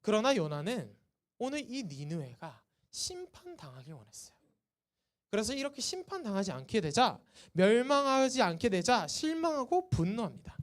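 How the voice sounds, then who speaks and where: A woman's voice: mid-range voice, sing-song, normal speed. A woman preaching to a youth group at a church service. She keeps asking the students questions and then answers them herself. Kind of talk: sermon to teenagers.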